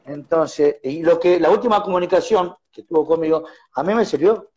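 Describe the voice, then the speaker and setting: Fields: Sex: man. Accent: Argentine Spanish. Role: musician guest. Style: casual radio interview. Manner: animated storyteller who acts out quarrels. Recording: muffled lo-fi radio studio audio. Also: a little high, moderate pace.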